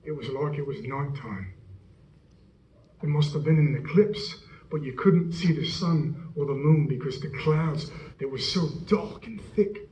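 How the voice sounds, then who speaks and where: Earnest Roman centurion played by a man, eyewitness monologue, slow and halting, dull echoey stage sound. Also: a little high, mellow, a little hiss or hum, lightly acted. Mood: awed. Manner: halting, stammering retelling. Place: church hall. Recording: echoey hall, dull sound, faint music.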